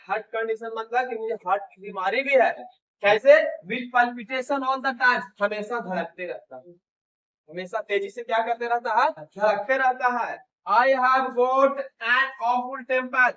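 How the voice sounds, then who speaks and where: A man teaching an English lesson, reading English lines slowly and loudly, then explaining them in casual Hindi. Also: sits high, recorded from a distance, muffled recording.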